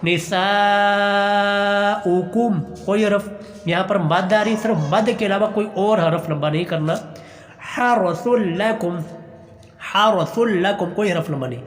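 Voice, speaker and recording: High-pitched male Quran tutor, patient, stretches verses then explains fast; roomy echo. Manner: slow drawn-out recitation between quick explanations; patient, repeats and urges practice. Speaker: Quran teacher. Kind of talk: Quran recitation lesson. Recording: echoey room with long reverb.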